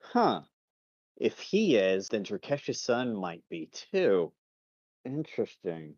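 A man doing a shrewd captive spy, steady and measured in his answers. The sound is dull and lo-fi, with a very dry, close feel. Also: medium pitch, no room sound, full character voice. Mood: matter-of-fact. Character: shrewd male captive spy, calm and loyal to his lord. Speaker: game master. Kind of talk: tabletop role-play.

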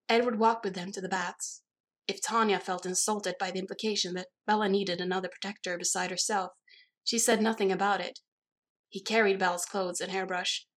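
A woman narrating a novel in a steady, even storytelling manner. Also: medium pitch. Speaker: audiobook reader. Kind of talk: scripted narration.

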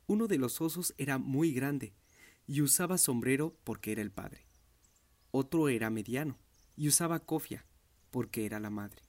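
A man reading a children's fairy tale aloud in an expressive, child-friendly way. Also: mid-range voice. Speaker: storyteller.

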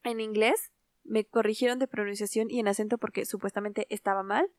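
A woman's voice: mid-range voice, fairly even intonation, fairly quick, no echo. A young adult woman, co-hosting a casual podcast chat and slipping English phrases into her Spanish. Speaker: podcast co-host.

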